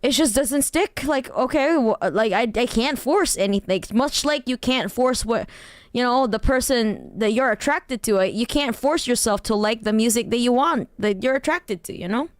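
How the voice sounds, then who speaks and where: Woman streamer, smooth and dry. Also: fairly high pitch, normal speed, no room sound. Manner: rambling, laughs often, swears casually. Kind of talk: casual livestream chat.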